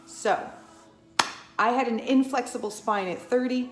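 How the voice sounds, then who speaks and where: Her voice leans high and a little slow as this Pilates instructor, about fifty, chats to camera in a casual vlog. She wanders through her thoughts, often restarting and tossing in asides, and the space around her is reverberant.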